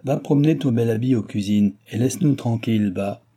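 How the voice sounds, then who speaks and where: A man's voice: mid-range voice, fairly quick, dark tone, slightly rough, lightly acted. A man voicing a bored aging king who banters idly, in an audiobook reading. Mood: mock-solemn. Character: aging bored male king, idle and teasing.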